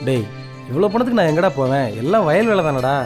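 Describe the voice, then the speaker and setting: Quick-spoken young village farmer. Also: male voice, a little high, very animated. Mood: worried. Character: anxious newlywed young village farmer, plainspoken. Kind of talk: casual film dialogue. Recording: loud music over film dialogue.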